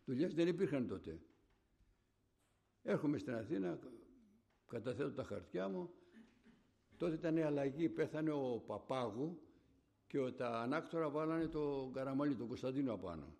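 A man's voice: mid-range voice, lively intonation, gravelly, pauses often, dark tone. An older man recalling his younger days in a rambling, conversational storytelling style. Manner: rambling, conversational, acts out remembered dialogue. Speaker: storyteller recalling army service. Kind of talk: rambling oral-history storytelling.

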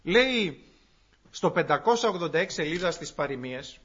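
A man preaching a sermon to his congregation, explaining scripture in an earnest, unhurried way with frequent pauses. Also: a little high, animated, a bit bright, husky. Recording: dull lo-fi recording.

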